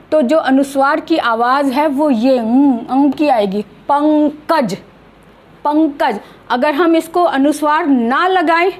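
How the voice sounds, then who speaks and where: A high-pitched woman who speaks slowly while teaching a grammar lesson online. She is middle-aged and patient, and she stretches out each example word so it can be heard clearly. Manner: slow, patient, drawing out example words.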